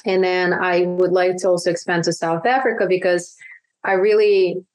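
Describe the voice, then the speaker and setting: A woman's voice: fairly low pitch, fairly even intonation, moderate pace, darkish tone. A woman being interviewed on a podcast, chatting with lots of fillers and restarts. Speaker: guest, virtual assistant business owner.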